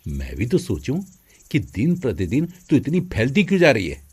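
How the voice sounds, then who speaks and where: Man voicing bullying older brother, rough-edged voice, mid pitch, commanding, scolding, animated story style. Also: normal speed, natural voice. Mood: angry. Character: arrogant, bullying elder brother. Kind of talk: animated moral story acting.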